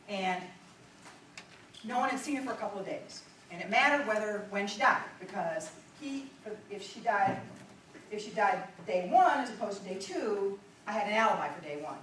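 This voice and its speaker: A woman and former public defender giving a speech to lawyers, telling stories in an animated way and checking in often with her audience. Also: mid-range voice, slight background noise. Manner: animated storytelling with frequent audience check-ins. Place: lecture hall. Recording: echoey hall, mic far away.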